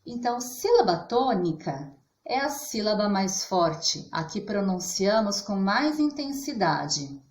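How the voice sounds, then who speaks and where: A woman with a Brazilian Portuguese accent teaches a children's lesson in a slow, patient way. Her pitch moves a lot as she leans into the stressed syllable of each example word. The room around her gives back a clear echo. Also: very animated. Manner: patient, stretches and stresses example words aloud.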